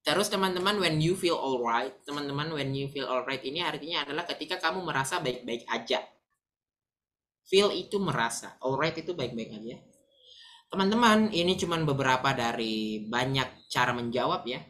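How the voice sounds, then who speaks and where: A woman giving a casual online English lesson, chatting to viewers as friends and explaining slowly with examples. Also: a bass voice, animated, fairly bright tone. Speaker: English teacher.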